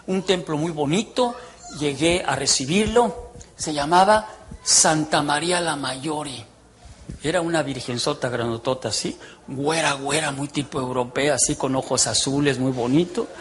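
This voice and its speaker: A man, giving a testimony as a preacher, telling his story in an animated way, with loud bursts and hushed asides. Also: a little high, slight background noise. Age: 60s. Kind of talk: testimony sermon.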